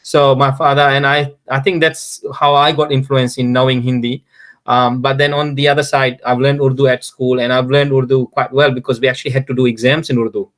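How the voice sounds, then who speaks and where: A man's voice: mid-range voice, little pitch movement, a little fast, fairly bright tone. A man from Fiji with a Fiji Indian accent, telling anecdotes casually as an interview guest and often chuckling as he talks. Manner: chuckles often while talking.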